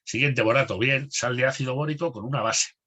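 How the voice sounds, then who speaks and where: In this spelling lesson for an exam course, a man steadily lists words followed by their definitions. He has a mid-range, husky voice, a brisk delivery, and an accent from Spain.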